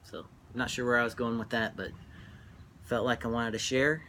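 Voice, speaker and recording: A middle-aged man talking casually and reflectively while smoking, halting and trailing off between phrases as he reminisces. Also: medium pitch, steady tone, sharp tone, a little hiss or hum. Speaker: vlogger. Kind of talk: casual rambling monologue, reminiscing.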